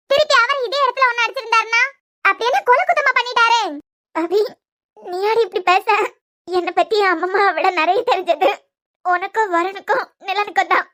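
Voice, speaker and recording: A woman doing a very high-pitched hurt young woman. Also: fairly bright tone. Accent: Kanyakumari Tamil. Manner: pleading, reproachful. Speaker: voice artist. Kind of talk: cartoon serial dialogue.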